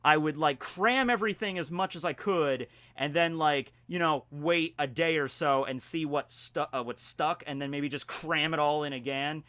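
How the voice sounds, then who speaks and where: A man talking casually in a home vlog, with playful mock-grandiose announcing, theatrical emphasis and drawn-out words. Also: on the high side, sharp tone, no echo. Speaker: vlogger. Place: indoors at home.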